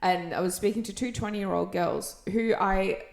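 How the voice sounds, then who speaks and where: A chatty woman in her twenties co-hosts a casual podcast, telling stories and laughing often. Her voice has a gravelly fry to it. The room around her is echoey. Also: medium pitch, steady tone, moderate pace. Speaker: podcast co-host. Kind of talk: casual chat.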